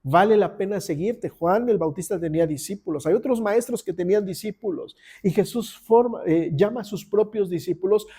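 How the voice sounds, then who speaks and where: A man's voice: high voice, normal speed, few pauses, warm tone, slightly rough. A man preaching a sermon in a conversational way, speaking directly to his congregation.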